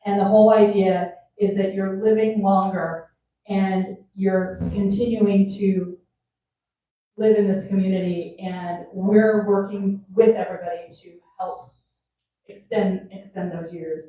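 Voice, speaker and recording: A woman who works at a senior community hosts a resident panel, chatting casually, laughing often and restarting sentences. Her medium-pitched voice is steady and measured. The audio is narrow and tinny, captured from far off in an echoey room.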